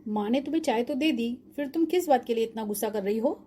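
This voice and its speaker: A woman's voice: fairly high pitch, fast talker, warm tone, close to an everyday voice. A woman voicing a grown son and husband in a cartoon-style family drama, reasoning and reproachful with his wife.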